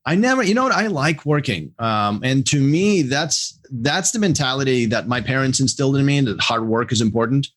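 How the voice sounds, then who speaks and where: Middle-aged Russia-born guest; halting, self-correcting, with animated spikes; mid-pitched. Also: male voice. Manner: halting, restarts, animated bursts. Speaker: podcast guest, executive coach. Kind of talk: casual interview answers.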